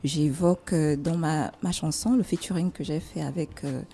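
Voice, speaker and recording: A woman with a soft, suave, quiet voice, giving gentle, hesitant answers in a live radio interview. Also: steady tone, moderate pace, slight background noise. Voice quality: soft, suave voice, low in volume. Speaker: singer-songwriter being interviewed.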